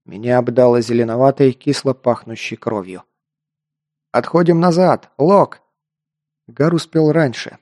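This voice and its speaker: A man narrating a first-person fantasy action audiobook, steady storytelling that lifts into louder voiced dialogue. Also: mid-range voice, dry recording, studio quality.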